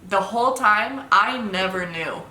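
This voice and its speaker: A young woman telling a story in a casual couple's chat, animated and laughing as she talks. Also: a little slow. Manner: animated, laughing, finishes partner's sentences. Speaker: vlogger. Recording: echoey room with faint rumble.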